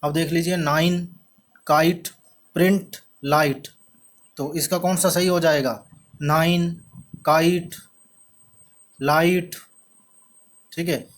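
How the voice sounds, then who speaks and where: A male teacher with an Indian accent explaining an English textbook lesson in Hindi and English, slowly spelling out words and repeating himself. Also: fairly high pitch, fairly even intonation. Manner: slow, spells words letter by letter; repeats "ठीक है" after each point.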